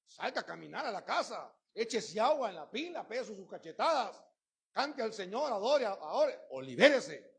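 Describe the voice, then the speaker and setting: A middle-aged man preaching a sermon, emphatic and swinging between loud outbursts and hushed asides. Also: high voice, very animated, normal speed, vocal fry, slightly rough.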